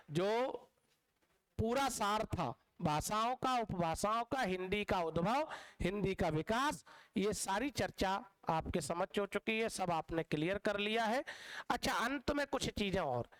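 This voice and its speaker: High-voiced man teaching a lesson. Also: a bit bright, poor audio. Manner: explains with repetition, addresses students as dear children; drawn-out stressed words. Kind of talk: exam-prep Hindi lecture.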